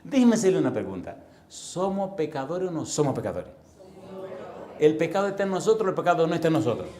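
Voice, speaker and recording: A man preaching a sermon as a pastor, telling stories animatedly and acting out voices and sounds, with forceful emphasis. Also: a little high, sing-song, fast, reverberant. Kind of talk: storytelling sermon.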